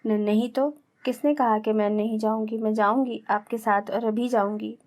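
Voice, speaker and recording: A pouting young wife who sulks like a child speaks in a steady, even tone, as a woman narrator reads her. The delivery stays plain and near the reader's own voice. It suits a romance novel read aloud. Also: fairly high pitch, no echo, lightly acted. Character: sulky, teary young wife, afraid of the dark.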